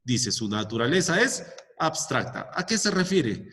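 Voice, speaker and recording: Brief: male teacher giving a lesson, animated delivery, reverberant room sound. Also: mid-range voice, measured pace. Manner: checks in often with "¿ya?", explains step by step with examples. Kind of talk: explaining a lesson to students. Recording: long echoing reverb.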